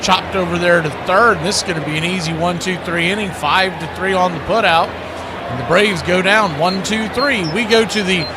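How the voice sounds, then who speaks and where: A man announcing a baseball game play-by-play in a steady, matter-of-fact radio style. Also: high-pitched, moderate pace, noisy background.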